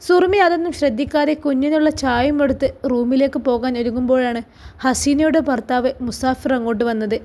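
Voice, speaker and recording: A high-voiced woman reads a story aloud. Her delivery is expressive and dramatic. She narrates as a storyteller. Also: a little fast.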